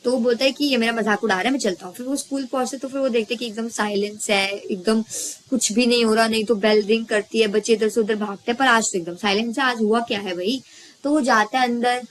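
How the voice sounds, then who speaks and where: A woman's voice: fairly high pitch, fairly even intonation, fast, rough recording. A woman teacher retelling a story in a casual lesson, chatty, asking questions and answering them herself.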